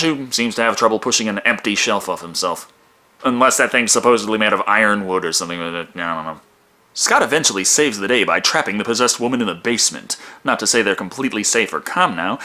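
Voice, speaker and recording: A man with a bright, forceful voice and very lively intonation delivers comedic review narration. He is sarcastic and swears freely, often feigning hesitation. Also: on the low side. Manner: sarcastic, profane, mock-hesitant. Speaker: film reviewer.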